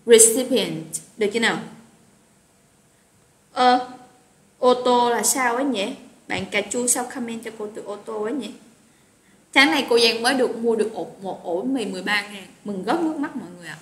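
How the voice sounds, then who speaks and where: Her voice is a little high and her speed normal, with a Southern Vietnamese accent. She teaches a live online English vocabulary class in a chatty, encouraging way, calling out students' names, recorded with roomy echo and faint noise.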